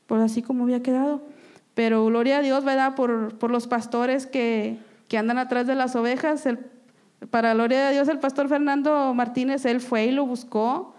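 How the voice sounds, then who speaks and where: A high-pitched woman shares an earnest testimony in church. She speaks in a sermon style and keeps checking in with the congregation for agreement. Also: a little mellow. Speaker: church member giving testimony. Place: church service.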